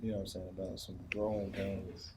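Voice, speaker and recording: A man's voice: sits low, little pitch movement, fairly quick, a little mellow, a little hiss or hum. A young man hosting a casual interview, laid-back and full of filler phrases. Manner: laid-back, keeps saying "you know what I'm saying". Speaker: host. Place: small indoor studio set.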